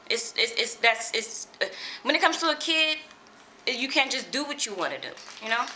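A woman's voice: a little high, slight background noise, low-quality recording. A woman in her twenties from California, talking casually and swearing freely in a home vlog. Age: 20s. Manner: animated, swears freely, repeats herself. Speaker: vlogger.

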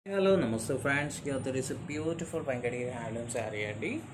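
A man with an Indian accent presents goods in an informal sales showcase. His voice sits at a medium pitch, and his patter is effusive and repetitive. The phone recording carries clearly audible noise behind him. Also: expressive, fast talker. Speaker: saree seller presenting products.

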